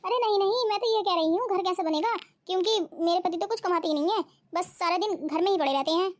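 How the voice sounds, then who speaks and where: A woman's voice: very high voice, fast talker. A woman voicing a jealous, scheming young wife in a cartoon, who grumbles and whines. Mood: pleading. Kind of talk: cartoon voice acting.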